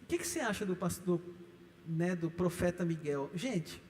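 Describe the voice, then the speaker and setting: A man's voice: high-pitched, lively intonation, moderate pace, a little mellow, slight background noise. A middle-aged male pastor with a Brazilian Portuguese accent, preaching emphatically in a church, stressing points with rising repeated lists. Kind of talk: sermon teaching. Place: church hall. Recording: echoey church hall.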